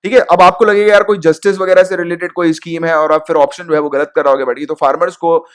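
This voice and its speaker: A man's voice: fairly high pitch, fairly even intonation, fast talker, clear, resonant tone. A young man runs an informal exam-coaching lesson in a slightly raised voice. He repeats the key points, mixes in English words and keeps checking with his students. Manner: mixes English terms into Hindi. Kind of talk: casual Hindi exam-prep lecture.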